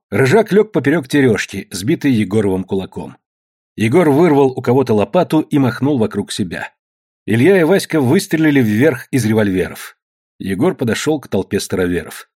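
Husky man reading a novel aloud. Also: medium pitch, darkish tone. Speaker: narrator. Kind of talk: audiobook reading.

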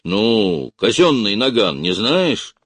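A stern, harsh military officer giving clipped, forceful orders, voiced by a male storyteller. The voice is husky, with a deep base and lively rises in pitch. The recording is close and dry. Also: slow, no room sound, heavily acted. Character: blunt, stern army officer, commanding and harsh.

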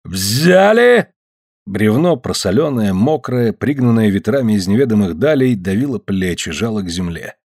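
Husky-voiced male storyteller. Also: on the low side, normal speed, hardly any pauses, dry recording, clean studio sound. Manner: expressive storytelling. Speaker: narrator. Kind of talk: audiobook story narration.

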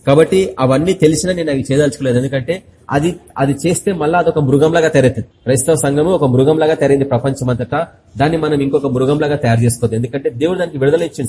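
Male pastor, sermon delivery, mellow tone, faint background noise. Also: a little high. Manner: explains slowly, then cries out quoted words loudly; addresses listeners directly.

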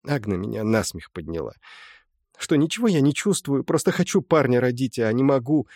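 A man's voice: medium pitch, animated, fairly quick, dry recording. Male reader as an old village mother, humble and tearful, dry close mic. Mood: confiding. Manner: soft storytelling, folksy and confiding. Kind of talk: audiobook reading.

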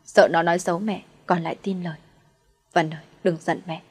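A woman's voice: on the low side, steady tone, fairly quick, breathy edge. A woman narrator voicing a cruel, scheming older mother-in-law with harsh scolding and fake sweetness in a storybook reading. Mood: falsely tearful.

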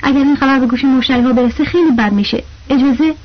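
A woman voicing a frightened male restaurant owner who bows and pleads politely. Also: sits high. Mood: pleading. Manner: pleading, obsequious. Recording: dull lo-fi audio.

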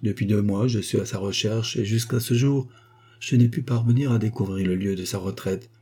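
Male narrator reading a novel: dark, husky, steady. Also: lowish voice, normal speed. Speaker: audiobook reader. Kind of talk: scripted narration.

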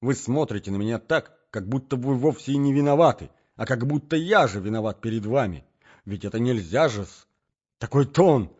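A man voicing a hot-tempered jilted young gentleman in an audiobook, shouting indignant outbursts. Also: medium pitch, animated, moderate pace, natural voice. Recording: dull lo-fi audiobook recording.

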